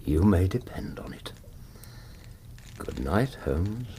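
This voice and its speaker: An actor with an English accent playing a loyal, kindly Victorian doctor in a radio drama, reassuring and companionable. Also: male voice, sits low, very animated, takes it slowly, warm tone, slight background noise, full character voice. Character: loyal, kindly Victorian doctor, detective's concerned old friend. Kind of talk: period radio drama acting.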